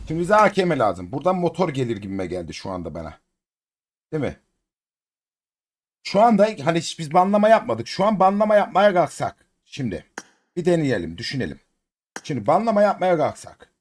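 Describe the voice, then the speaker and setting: A Turkish man chats casually while opening crates in a mobile game, getting excited, chanting words over and over and coaxing his cat. His voice is a little high and husky.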